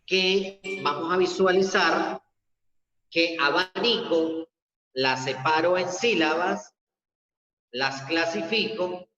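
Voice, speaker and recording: Male teacher, online class, slow methodical delivery, dull boomy reverb. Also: pushed and bright. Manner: slow, methodical step-by-step explaining. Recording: echoey dull lo-fi room audio.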